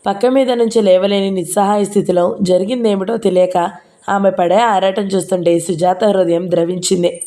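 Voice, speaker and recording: A woman reading a novel aloud in a steady, even storytelling voice. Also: medium pitch, moderate pace.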